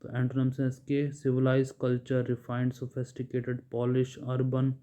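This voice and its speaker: A man's voice: medium pitch, completely flat delivery, normal speed, warm tone. A man teaching a bilingual vocabulary lesson, reading word lists and explaining each in Hindi with frequent "ठीक है". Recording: dull lo-fi recording.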